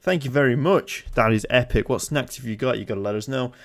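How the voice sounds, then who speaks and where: Man, 20, gaming streamer, livestream headset audio, jokey upbeat chat, medium pitch. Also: fast, creaky.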